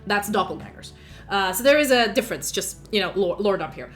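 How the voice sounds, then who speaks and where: A woman's voice: mid-range voice, lively intonation, brisk, faint music behind. A woman narrating as game master, rambling through lore with lots of fillers.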